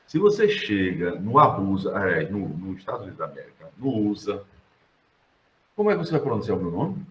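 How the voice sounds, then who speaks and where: A man's voice: deep voice, very animated, brisk, fairly bright tone, slight background noise. A middle-aged Brazilian man teaching a class, talking in a digressive, conversational way and putting questions to his students. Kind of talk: classroom lecture. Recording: roomy, dull classroom sound.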